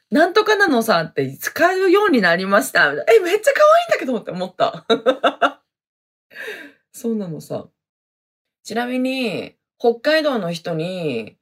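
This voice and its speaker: A woman's voice: mid-range voice, fairly bright tone. A woman hosting a podcast in a casual solo chat, reading listener messages, laughing often and breaking into little sung jingles. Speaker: podcast host.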